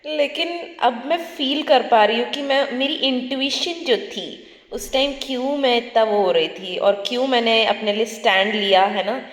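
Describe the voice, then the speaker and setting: A young woman from India telling her story in a casual, chatty vlog, lively and often laughing. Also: a little high, normal speed. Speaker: student vlogger. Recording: echoey room with long reverb.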